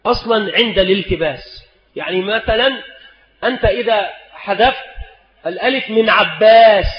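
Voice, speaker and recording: A man, a scholar teaching spelling rules in a recorded lesson, who speaks slowly and deliberately and dwells on each example word. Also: sits high. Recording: echoey hall, dull lo-fi sound.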